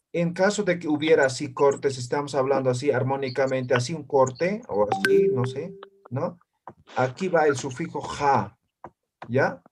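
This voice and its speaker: Male language teacher, patient and explanatory, mid pitch, tags each point with a quick check-in. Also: a little hiss or hum. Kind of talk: online class teaching.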